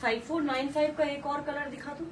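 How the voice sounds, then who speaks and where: A woman's voice: high-pitched, fairly even intonation, fast, far from the mic, very noisy. A woman hosting a live saree sale, gushing and repeating color names, mixing English words into Hindi. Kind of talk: live-stream sales pitch.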